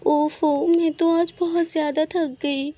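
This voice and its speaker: A woman's voice: sits high, fairly even intonation, unhurried, mellow, no room sound, clean studio sound. A woman voicing a lazy, complaining young daughter-in-law in a cartoon story. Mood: whiny. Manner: whiny, complaining.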